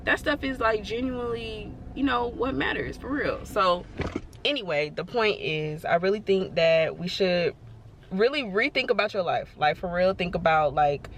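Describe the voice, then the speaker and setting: A woman's voice: mid-range voice, normal speed, fairly bright tone, slight background noise. A woman vlogging in a casual, rambling way, encouraging her viewers and filling her talk with "like" and "you know". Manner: encouraging, reassuring. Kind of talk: casual motivational talk to camera.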